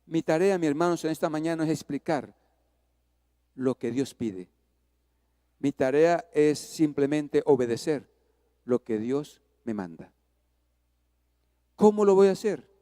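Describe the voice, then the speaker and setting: High-voiced pastor preaching in a church hall. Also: male voice. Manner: preaching with swings from hushed to loud, acting out an anecdote. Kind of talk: sermon.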